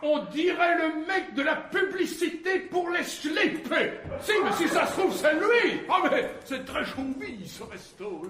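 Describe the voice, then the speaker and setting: An actor playing an excitable, nosy male friend who stammers and bursts out loudly, in a stage comedy. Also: extremely high pitch, a little slow, few pauses, a crowd in the background. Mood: frantic gossip. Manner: frantic stammering, loud outbursts. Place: theatre stage. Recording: roomy theatre stage with audience.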